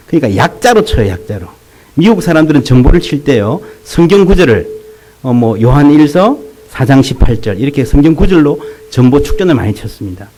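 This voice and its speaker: A man's voice: mid-range voice, poor audio. A man preaching a sermon as a pastor, talking directly to the congregation, mixing jokes with emphatic points. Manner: lively, rising to emphatic peaks, with jokes and asides to the congregation.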